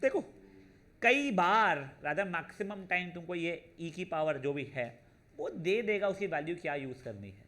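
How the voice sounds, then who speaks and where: A math teacher whose voice sits high, expressive and fairly bright, lectures his class on probability. Slowing on each formula, he works through them step by step, calling students "beta" and checking in often with "theek hai na."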